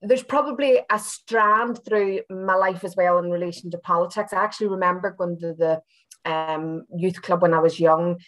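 Her voice sits on the low side with a fairly bright tone, and she speaks at a moderate pace in a Belfast, Northern Irish accent. This university senior lecturer is an interview guest in a casual, reflective personal chat, hesitating a bit and hedging as she circles back.

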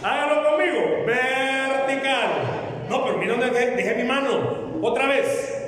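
A man preaching a sermon as pastor, animated and joking with the congregation. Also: very high voice, fairly quick. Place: church hall. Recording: echoey hall, long reverb.

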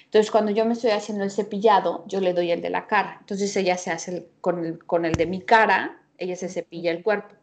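A woman's voice: medium pitch, fairly even intonation, brisk, few pauses. Enthusiastic woman chatting. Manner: enthusiastic, rambling, many fillers. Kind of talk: casual chat.

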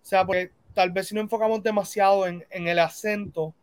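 An interview host asking questions and sharing views in a relaxed chat, thinking aloud with fillers and switching into English. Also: medium pitch, brisk, clear, resonant tone.

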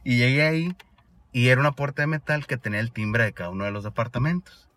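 A man's voice: medium pitch, fast talker, a bit bright. A young man from Sonora with a northern Mexican accent, telling a story in casual, slangy chat full of swearing. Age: young adult. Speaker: former exchange student telling his story.

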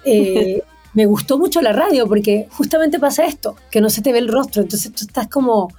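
A talkative woman chats casually as an interview guest, spontaneous and quick to laugh. Her voice sits a little high but sounds mellow and warm. Faint music plays behind her. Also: expressive, breathy edge. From Chile and Venezuela. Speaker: guest, singer and TV presenter.

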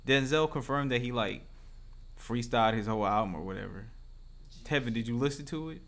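Argumentative young man with middling pitch. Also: fairly quick, fairly bright tone. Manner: argumentative, teasing, profane slang. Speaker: podcast co-host. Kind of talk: casual group banter.

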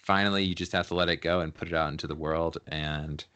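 Chill photographer dude, super low voice, kinda punchy and bright, laughs a lot. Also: male voice, fairly even intonation, quick pace, clear, resonant tone. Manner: laid-back, slangy, laughs often. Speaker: photographer guest. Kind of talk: casual interview chat.

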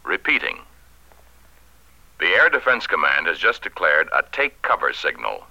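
Civil defense announcer, grave emergency broadcast, low voice, swooping emphasis, formal, urgent, radio sound. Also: male voice, sing-song, normal speed, creaky, pushed and bright, lo-fi sound, exaggerated voice. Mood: grave urgency. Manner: urgent, formal, authoritative delivery.

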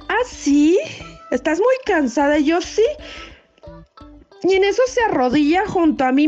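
Woman, Mexico City Spanish accent, high voice, slangy and profane, dull lo-fi audio, faint music behind. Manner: slangy, profane, chatty, lively asides. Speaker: storyteller. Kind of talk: casual spoken anecdote.

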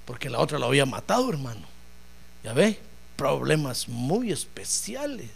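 A man preaching a sermon in an animated, joking way, acting out voices as he tells the story. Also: mid-range voice, moderate pace, vocal fry, slightly rough.

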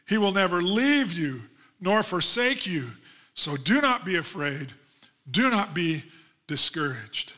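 High, bright-voiced male pastor preaching. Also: very animated, slow pace. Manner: reads scripture passages aloud and then expands on them; earnest, rising emphasis on key promises. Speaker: lead pastor. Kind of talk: sermon.

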